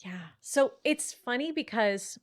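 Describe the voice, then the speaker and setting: Animated woman coaching with candid flair. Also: on the high side, slow pace. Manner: animated, acts out her clients' voices, swears casually. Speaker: money coach, podcast guest. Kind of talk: casual podcast conversation.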